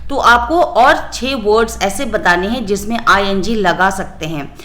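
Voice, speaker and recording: A woman teacher with an Indian accent, slowly going through a textbook lesson and listing answers one by one. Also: medium pitch, lively intonation, a bit bright. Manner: slow, spells out answers in short lists.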